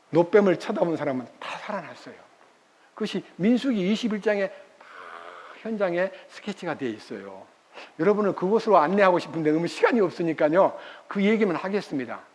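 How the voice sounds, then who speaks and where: A man's voice: sits high, expressive, fairly quick, big-room sound. An older man preaching a sermon as pastor at a church retreat, telling the story with emphatic energy.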